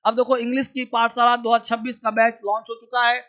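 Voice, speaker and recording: A man teaching English in a live online lesson, drilling phrases with repetition and urging viewers to answer fast. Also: extremely high pitch, completely flat delivery, fairly bright tone.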